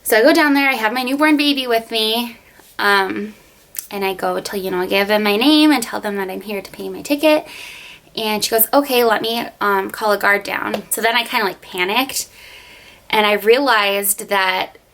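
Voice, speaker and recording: Chatty young woman with vocal fry. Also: medium pitch, normal speed, fairly bright tone. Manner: chatty, many fillers, retells scenes. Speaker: vlogger. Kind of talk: casual storytime vlog.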